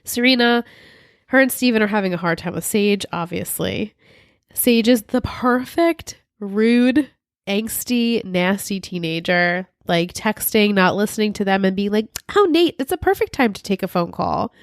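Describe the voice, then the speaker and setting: A podcast co-host chats casually while recapping a TV show, her mid-range voice worn and congested from a sinus infection, at normal speed. She's animated, acting out characters' lines in quotes as she goes. The recording is studio quality with no room sound.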